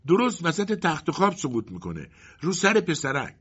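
A man voicing a sly crippled rat with a shrill, stammering voice. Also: wildly swooping pitch, a bit bright, slightly rough, muffled recording, heavily acted. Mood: taunting.

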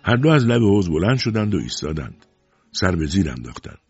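Husky, low-voiced male storyteller. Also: no room sound, faint music behind. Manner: storytelling, expressive. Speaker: audiobook narrator. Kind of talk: scripted narration. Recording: dull lo-fi recording.

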